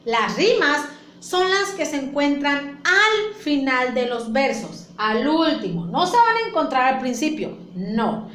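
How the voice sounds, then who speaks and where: Slow, lively-voiced woman teacher. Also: high-pitched, a little hiss or hum. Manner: patient, repeats points and asks the class questions. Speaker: primary school teacher. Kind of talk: classroom lesson explanation. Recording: echoey room with faint ambience.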